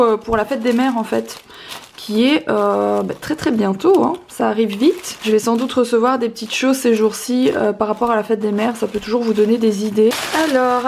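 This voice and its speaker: A woman's voice: fairly high pitch, a little mellow, slight background noise. Chatty young woman vlogging at home. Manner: chatty, upbeat, many fillers. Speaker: family vlogger. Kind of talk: casual vlog chat, unboxing. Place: at home, indoors.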